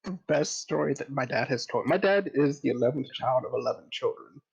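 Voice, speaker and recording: A man's voice: medium pitch, expressive, fairly quick, gravelly, muffled recording. A man telling rambling family anecdotes at a tabletop game session, correcting himself as he goes. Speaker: player. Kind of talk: casual storytelling at a game table.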